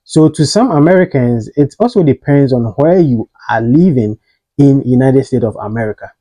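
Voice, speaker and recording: A man hosting a casual spoken pronunciation lesson, explaining patiently and repeating example words slowly for practice. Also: medium pitch, expressive, dark tone, dry recording, rough recording. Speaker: host.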